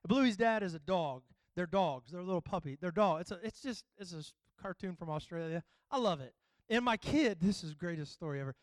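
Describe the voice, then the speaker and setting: A man's voice: sits high, expressive, fairly quick, dry recording. A man preaching a sermon, telling funny family stories and exhorting the congregation. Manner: humorous, storytelling, preacherly. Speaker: pastor.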